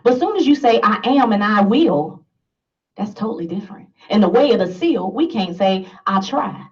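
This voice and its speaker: A woman's voice: mid-range voice, expressive, normal speed, a little mellow, distant mic, lo-fi sound. A woman giving an emphatic motivational talk to a live audience, laughing and asking the listeners questions. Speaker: motivational speaker.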